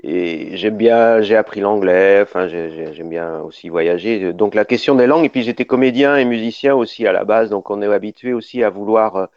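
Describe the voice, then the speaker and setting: This middle-aged Paris-born documentary filmmaker talks a little fast on radio, barely pausing, as he explains things at length and frequently restarts his sentences. His lowish, slightly mellow voice comes through a dull, dry studio recording with no room sound.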